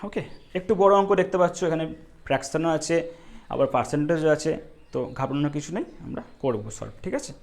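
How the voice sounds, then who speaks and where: A male math teacher working through exam problems step by step, often asking the students if it is clear and telling them not to worry. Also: fairly high pitch, animated, quick pace, darkish tone. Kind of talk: exam-prep math lesson.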